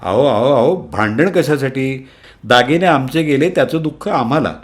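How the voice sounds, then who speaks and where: A man's voice: mid-range voice, animated, moderate pace, close to an everyday voice. Flustered, self-important older husband, voiced by a man, stammers when pressed. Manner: stammering, blustering.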